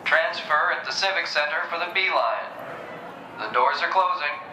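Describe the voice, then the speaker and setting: A man's voice: a little high, animated, normal speed, lightly acted. A man playing an orderly train announcer, reading scripted stops in a clipped way over the intercom. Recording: echoey, noisy public-address sound.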